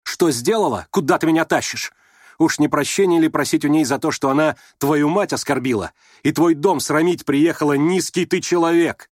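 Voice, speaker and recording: A man's voice: on the high side, moderate pace, dry recording, studio quality, voice pushed up, close to an everyday voice. Give me a man doing an angry young woman crying out in indignation. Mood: indignant. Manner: indignant, shouting. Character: angry, trembling young woman defending her family.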